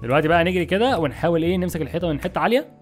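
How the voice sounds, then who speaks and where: A young man with an Egyptian Arabic accent, giving excitable, exasperated gameplay commentary to his viewers. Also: fairly high pitch, rapid-fire, soft background music. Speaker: gaming YouTuber.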